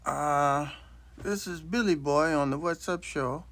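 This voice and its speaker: Man in his late sixties, rambling blunt storyteller, fairly high voice, dry close recording. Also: slow, fairly bright tone, no room sound. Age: 60s. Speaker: vlogger. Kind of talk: casual storytelling monologue. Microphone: self-recorded on a phone.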